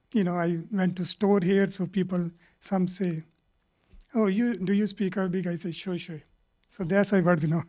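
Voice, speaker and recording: In a lecture hall, a middle-aged man from Pakistan holds a handheld mic and offers meandering, stop-start panel comments laden with fillers. He speaks Punjabi natively, has a Pakistani accent, and his voice sits high with a dark tone.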